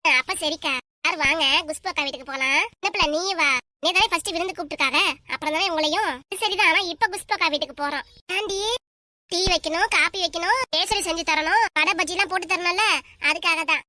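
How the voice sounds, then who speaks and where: A woman with a southern Tamil Nadu village accent, voicing all the characters of a village comedy cartoon in quick, bright banter. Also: very high-pitched, no echo. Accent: southern Tamil Nadu, Kanyakumari-Tirunelveli dialect. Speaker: voice artist for a cartoon.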